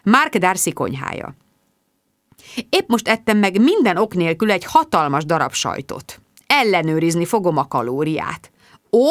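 A woman's voice: mid-range voice, no room sound, studio quality. A woman narrating an audiobook in a wry, confiding first-person diary tone.

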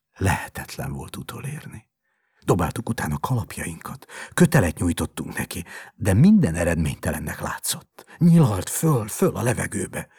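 A man narrating a story in an expressive, measured dramatic reading. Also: deep voice, husky, dry recording, studio quality.

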